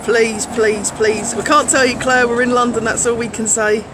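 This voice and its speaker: Very high-voiced man, emphatic, noisy street. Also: level tone, normal speed. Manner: emphatic, repeats words. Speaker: livestream co-host. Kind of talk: casual live chat urging viewers to share. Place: outdoors on a London street. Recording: outdoor phone stream with street noise.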